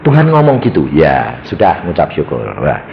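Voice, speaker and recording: A male pastor with a Javanese accent preaching a sermon, telling stories animatedly and swinging from loud exclamations to hushed asides. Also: extremely low pitch, huge pitch swings, normal speed, lo-fi sound, slight background noise. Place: church.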